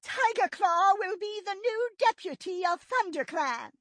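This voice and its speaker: Tired, high, cracked-voiced female cat leader for a storybook read-aloud, solemn and formal. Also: animated, a little slow, a bit bright, no echo, heavily acted. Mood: solemn grief.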